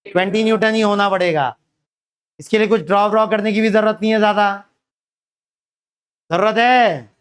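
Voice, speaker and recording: Male physics teacher with a high, smooth voice. Quizzes the class and answers his own questions. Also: moderate pace, pauses often. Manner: asks students questions and answers them himself, calls them beta. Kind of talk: classroom lecture.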